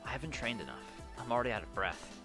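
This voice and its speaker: Reading a visual novel's narration in the first person for a let's play, a man speaks at medium pitch and a quick pace. His delivery is lively and sincere with the odd stumble, backed by faint game music.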